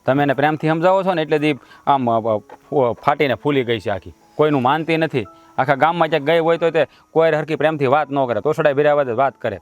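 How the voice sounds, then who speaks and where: An actor playing a blunt young village farmer, the son of the house, speaking in a brisk, complaining way. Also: male voice, fairly high pitch, faint music behind, lightly acted. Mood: indignant. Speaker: son in family drama. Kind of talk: Gujarati village drama dialogue.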